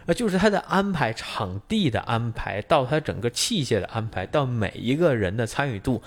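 A man's voice: medium pitch, big pitch swings, normal speed. A man co-hosting a podcast, explaining things at length in casual chat, with many fillers. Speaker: podcast co-host.

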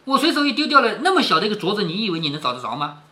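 Middle-aged dad reading a classic novel to his kid and explaining it, bright voice, very bouncy pitch, keeps asking "right?". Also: sing-song, racing. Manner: chatty, often checks in with tag questions. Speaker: father reading aloud to his daughter. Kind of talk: storytelling with explanations.

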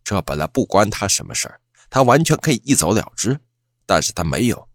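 A man's voice: fairly low pitch, very animated, a little fast, no echo, studio quality. A man narrating a first-person campus ghost story in a suspenseful, dramatic way.

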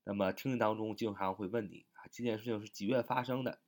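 A man's voice: lowish voice, steady tone, darkish tone. A man teaching English vocabulary in a recorded online lesson, spelling each word letter by letter and padding his phrases with short fillers. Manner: spells words letter by letter, stretches and repeats them slowly; frequent filler "啊" and "呃" between phrases.

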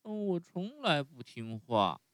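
A man voicing an eager, excitable wooden puppet boy in a high squeaky voice, often starting with a hesitant "uh". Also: slow, no echo. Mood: pleading. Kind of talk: bedtime story reading.

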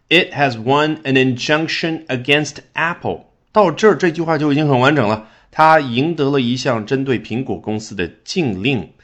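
Lively low-voiced male English tutor. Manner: explains with rhetorical questions and emphatic rises. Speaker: English teacher. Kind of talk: recorded language lesson.

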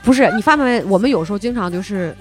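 A woman's voice: medium pitch, rapid-fire, soft background music. A woman, co-hosting a casual chat podcast. She tells stories with lots of laughter and acts out the quotes, while getting over a cold. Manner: animated storyteller, laughs often, acts out quotes. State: recovering from a cold. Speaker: podcast co-host.

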